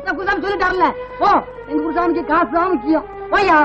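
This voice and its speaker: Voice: extremely high pitch, fast talker, music in the background. A cheeky young disciple. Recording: dull old film soundtrack.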